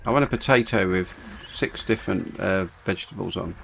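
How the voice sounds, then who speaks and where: A man's voice: low voice, a little fast, fairly bright tone, poor audio. A man with a speech impediment on R and S, saying w for r, chatting casually and rambling as he streams a game. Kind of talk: casual rambling gameplay chat. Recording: clear background noise, vehicle-like game ambience.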